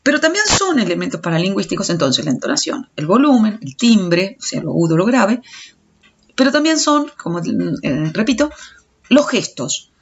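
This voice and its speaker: A woman's voice: medium pitch, sing-song, normal speed, a little hiss or hum. A woman teacher giving a recorded audio lecture, explaining step by step and stumbling over restarts. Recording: dull lo-fi recording.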